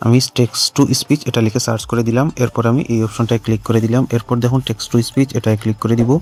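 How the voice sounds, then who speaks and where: Speaking quickly at an average male pitch with a darkish tone, a man narrates a step-by-step tech tutorial. The scripted-sounding delivery addresses viewers directly and repeats instructions, with background music playing behind him.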